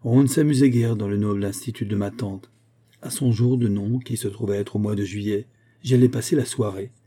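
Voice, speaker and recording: A man's voice: on the low side, steady tone, brisk, warm tone, lightly acted. A man voicing a jovial young male officer in a novel, hearty and teasing as he talks. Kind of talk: audiobook character reading.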